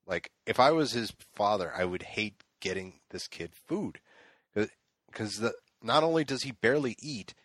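Podcast co-host, male, low register, dry close mic; loose, profane storyteller who laughs a lot. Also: expressive, normal speed, fairly bright tone, no echo. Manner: profane, rambling, laughs often. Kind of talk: casual storytelling chat.

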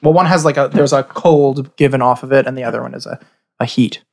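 A man acting as game master, casually narrating a tabletop game in halting, improvised descriptions. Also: mid-range voice, gravelly, darkish tone.

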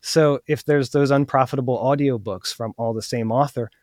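A man's voice: mid-range voice, fairly even intonation, normal speed, darkish tone, no room sound, studio quality. A man guest on a podcast chatting casually, cheerfully acting out both sides of haggling. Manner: upbeat, acts out cheerful haggling lines. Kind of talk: casual chat.

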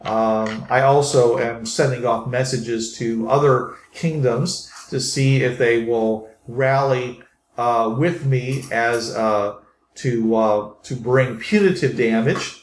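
A man playing a deliberate prince and war leader in a tabletop game, speaking formally and haltingly. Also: mid-range voice, fairly even intonation, natural voice. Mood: deliberate, resolute. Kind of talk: tabletop game role-play. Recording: roomy echo, clear background noise.

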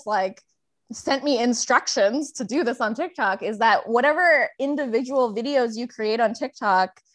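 A woman co-hosting a podcast, chatting excitedly and laughing often. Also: a little high. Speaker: podcast co-host. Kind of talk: casual chat.

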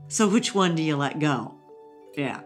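A woman educator explaining thinking skills in a relaxed interview, teacherly and quick to laugh. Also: low voice, faint music behind. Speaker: educator guest. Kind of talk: conversational interview.

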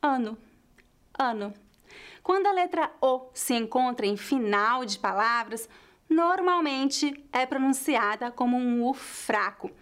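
A woman from Northeast Brazil with a mixed Brazilian Portuguese accent closest to São Paulo, teaching pronunciation slowly and carefully and repeating example words deliberately. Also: sits high, expressive, fairly bright tone, smooth. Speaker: language teacher. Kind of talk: pronunciation lesson.

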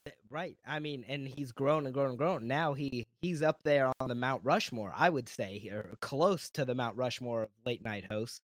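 A man's voice: medium pitch, normal speed, no echo, clean studio sound. A man hosting a podcast, asking questions in an easy conversational way. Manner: conversational, asks follow-up questions. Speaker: podcast host. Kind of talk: casual interview chat.

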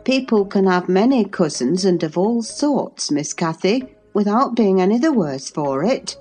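A woman reading the lines of a sensible woman servant who gently chides and soothes a girl, close to her own voice. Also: mid-range voice, animated, a little slow, slightly rough, soft background music, pitched above the performer's own voice. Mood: soothing. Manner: gentle, reproving.

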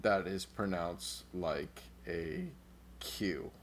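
An American man with a low, gravelly voice talks loosely on a podcast. He rambles through his points, restarts sentences and swears now and then, in relaxed podcast chat. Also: very slow. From United States. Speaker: podcast co-host. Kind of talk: casual podcast chat about a tabletop game.

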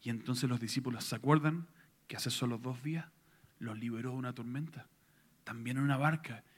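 A man preaching a sermon, retelling a story and swinging between hushed tones and loud, intense passages. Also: medium pitch, a little fast.

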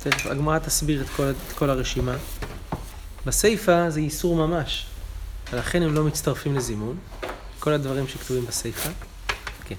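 In a daily Talmud class, a man with a fairly high voice teaches a page, explaining the texts and chanting the quotations more loudly. He leaves long pauses, and there's background noise.

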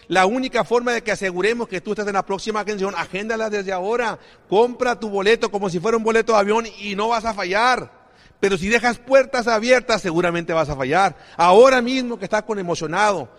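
Man, high voice, motivational business talk in a reverberant convention hall, emphatic, quizzes the crowd. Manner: emphatic, keeps asking the audience questions. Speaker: business opportunity speaker. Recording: long reverb of a large hall.

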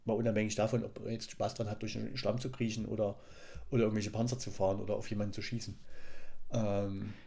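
A man's voice: lowish voice, flat delivery, fast, gravelly, mellow. A man in casual podcast talk, reflective and hesitant, often restarting his sentences. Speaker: podcast co-host. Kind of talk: casual chat.

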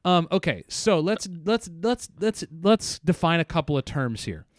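A man's voice: a little high, big pitch swings, moderate pace, dry recording, clean studio sound. A man co-hosting a casual podcast, explaining voice science terms and thinking aloud with frequent restarts. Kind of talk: casual technical discussion.

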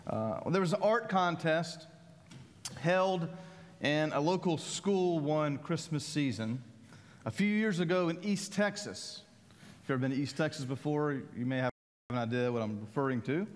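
A male pastor delivers a sermon in an easy, conversational way, often checking in with the room. His voice sits slightly high for a man. The sound carries the long reverb of a church sanctuary. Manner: conversational, frequent asides and "right?". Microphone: worship mic.

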